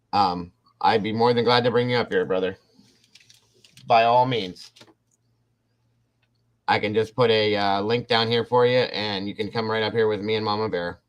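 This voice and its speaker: Talking to viewers on a relaxed livestream, this male host rambles and keeps starting his sentences over. His voice is on the low side and a bit bright, recorded through a computer mic.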